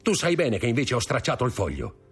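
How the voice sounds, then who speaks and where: A man's voice: mid-range voice, huge pitch swings, fairly quick, a bit bright, slightly rough, faint music behind, voice pushed up, full character voice. A man voicing a scheming, envious male ship's clerk in a raised voice, as in an audiobook. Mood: scornful. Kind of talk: audiobook character voice.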